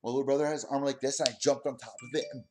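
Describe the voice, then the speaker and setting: Chatting straight to viewers on his solo stream, a twenty-something male host delivers casual commentary very fast, over some background noise. His mid-pitched voice jumps excitably between tangents, and he keeps returning to his main point.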